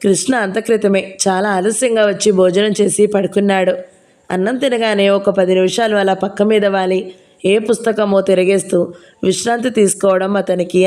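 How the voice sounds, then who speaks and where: A woman narrating a novel in the first person, in a steady storytelling manner. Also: mid-range voice. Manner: steady storytelling, reading dialogue aloud. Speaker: audio novel reader.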